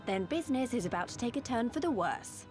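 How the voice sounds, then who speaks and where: A woman's voice: fairly high pitch, lively intonation, brisk, over music, close to an everyday voice. A woman voicing a resolute young adventurer in a video game cutscene, speaking firmly and with determination. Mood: determined.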